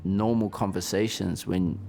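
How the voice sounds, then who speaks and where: A man's voice: low voice, fairly even intonation, a little slow, gravelly, warm tone, a little hiss or hum. A young man, a musician telling stories frankly in a documentary interview, swearing freely. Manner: profane, frank storytelling with laughs.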